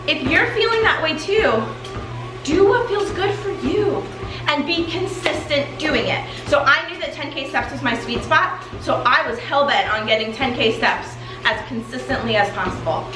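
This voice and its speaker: A woman with a fairly high voice gives a motivational, conversational coaching talk while walking in place for exercise. She is in a very echoey room, with music clearly playing underneath. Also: expressive, moderate pace. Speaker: weight loss coach and host. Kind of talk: motivational chat to followers.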